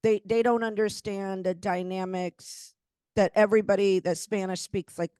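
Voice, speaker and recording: Woman host, casual chat, halting speech full of restarts, dry sound. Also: medium pitch, steady tone, dark tone, clear, resonant tone, dry recording. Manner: halting, many restarts and fillers. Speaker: podcast host.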